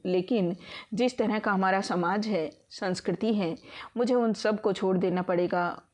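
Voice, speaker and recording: A woman's voice: mid-range voice, darkish tone, close to an everyday voice. A woman voicing a tearful, tender young woman pleading with her lover in an audiobook story. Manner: pleading, consoling.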